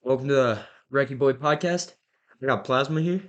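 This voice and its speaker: A young man hosting a casual podcast, telling stories in a relaxed, joking way with lots of fillers. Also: mid-range voice, normal speed, lo-fi sound. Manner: laid-back, filler-heavy, joking storyteller. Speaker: podcast host.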